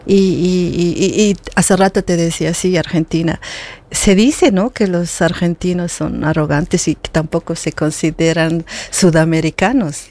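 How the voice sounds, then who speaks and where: A woman's voice: fairly low pitch, fairly even intonation, unhurried, darkish tone. A middle-aged woman talking earnestly in a casual conversation, often repeating words as she searches for them. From Bolivia. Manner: earnest, with frequent hesitant repetitions.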